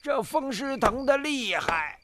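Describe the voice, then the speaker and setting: Whiny old man in a kung fu drama, groaning and wheedling, voice swoops around, slow drawl. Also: extremely high pitch, expressive, background noise, full character voice. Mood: mocking, moaning. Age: older.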